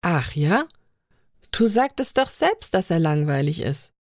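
A sharp-tongued young woman aboard a starship, pitched up and teasing, as a woman reads her in a storybook. The sound is dry and close. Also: sing-song, measured pace, no echo, full character voice. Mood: mocking.

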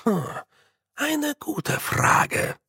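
A courteous, well-spoken male bard with a rolling R and measured words, as a narrator puts him on. He talks slowly in a gravelly voice, recorded close and dry. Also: medium pitch, animated, dry recording, exaggerated voice.

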